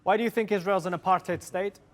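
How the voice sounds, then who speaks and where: A male news host moderating a debate with brisk, pointed questions. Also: sits high, steady tone.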